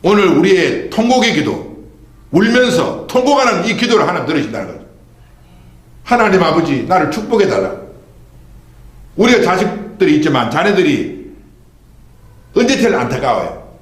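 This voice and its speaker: Pastor, male, fairly high voice, lively swinging delivery, rhetorical questions, reverberant sanctuary. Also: brisk. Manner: preaching with rhetorical questions and call-and-response. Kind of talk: Sunday sermon. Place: church sanctuary. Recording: echoey church hall.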